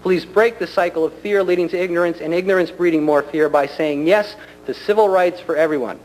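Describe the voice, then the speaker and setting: A man delivers a prepared public speech at a government meeting in an earnest, deliberate and polite way. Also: on the high side, darkish tone. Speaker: community center director addressing a county commission. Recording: noisy hum, 1990 public meeting recording.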